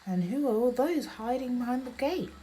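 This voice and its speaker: A mother reads a bedtime picture book to her young child, child-directed and sing-song, tossing in chatty asides and questions while pointing at the pictures. Her voice is on the high side, expressive and warm, at a moderate pace. The recording is rough, with a little hiss or hum.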